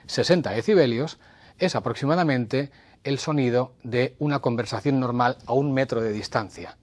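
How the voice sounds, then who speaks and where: Male TV presenter, husky mid voice, explains to camera and demonstrates loudness himself. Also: medium pitch, moderate pace. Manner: demonstrative, shifts from whispers to raised voice. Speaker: TV health segment presenter.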